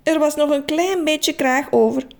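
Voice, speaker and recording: A woman reading a children's story aloud in an expressive, animated way. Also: sits high, normal speed, gravelly.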